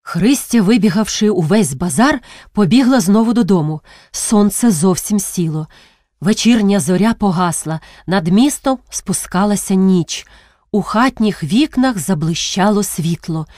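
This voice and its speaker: A woman reading a classic novel aloud as a narrator, measured and dramatic. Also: medium pitch, a little mellow, no room sound, clean studio sound. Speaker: audiobook narrator. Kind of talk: expressive literary narration.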